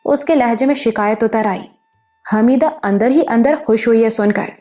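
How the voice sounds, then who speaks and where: Woman narrator, higher pitch, mellow tone, calm audiobook reading over faint music. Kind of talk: scripted narration.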